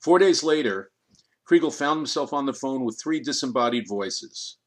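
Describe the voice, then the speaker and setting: A man narrating an audiobook in a steady, measured reading. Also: mid-range voice.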